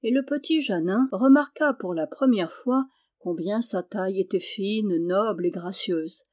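A woman narrating a historical novel audiobook in a steady, measured way. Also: medium pitch. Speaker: audiobook reader.

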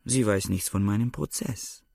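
An actor playing a reserved, guarded man on trial in a radio play, giving measured replies in a gravelly voice. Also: on the low side, fairly even intonation, darkish tone, no echo, studio quality.

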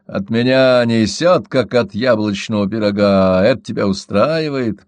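A man's voice: on the low side, unhurried, no echo, close to an everyday voice. A man voicing a brutish, mocking young man who talks smugly and sneers, in a storybook reading. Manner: smug and sneering.

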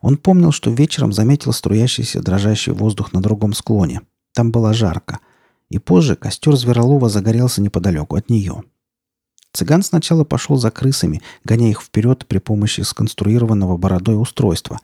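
Gravelly, dark-voiced male audiobook narrator. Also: on the low side, lively intonation, brisk, no echo, studio quality.

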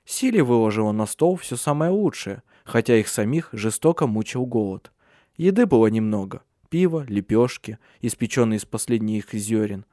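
A man narrating a novel as an audiobook in a steady, measured reading. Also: fairly low pitch, no room sound, clean studio sound. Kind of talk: scripted narration.

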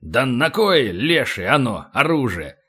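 A man's voice: medium pitch, lively intonation, normal speed, fairly bright tone. A man playing a brash marine major. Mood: eager. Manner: brash, plainspoken. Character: blunt tough male marine major.

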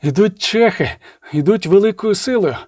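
A man's voice: high voice, animated, drawn-out words, no room sound, studio quality, pitched above the performer's own voice, exaggerated voice. A man voicing an exhausted messenger gasping out urgent news in an audiobook.

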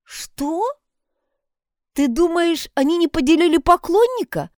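A woman voicing a haughty young housemaid quick to take offence, in an audiobook. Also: very high voice, animated, no echo, clean studio sound, voice pushed up. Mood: indignant. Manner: haughty, indignant.

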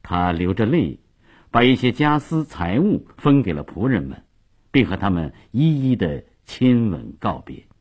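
A man telling a long story on radio with dramatic, lively delivery. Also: lowish voice, unhurried, breathy edge.

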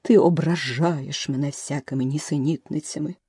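A woman voicing a touchy, easily offended female mouse in an audiobook, speaking slowly and indignantly. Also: low voice, fairly even intonation, warm tone, breathy edge, dry recording, studio quality. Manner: slow, drawn-out, indignant.

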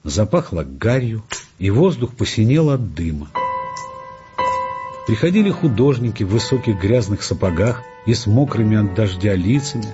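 A man narrating a literary audiobook in an expressive, measured way. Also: lowish voice, muffled recording, music in the background.

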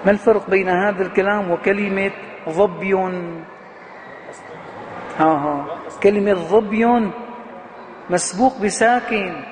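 A man with a high-pitched voice gives a classroom grammar lecture as a professor. He keeps asking his students questions and then answering them himself, and he draws out key words to stress them. His voice rings with a long reverb in a hall, over a faint hiss. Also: unhurried, long pauses.

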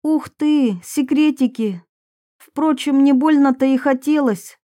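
Woman doing a pushy nosy sister, higher, louder, brash, warm tone, audiobook. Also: slow, no echo, clean studio sound. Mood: mocking.

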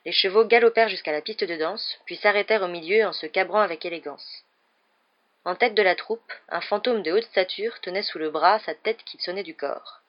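Woman calmly reading a storybook aloud. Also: medium pitch, moderate pace. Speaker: storybook reader. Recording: dull lo-fi recording.

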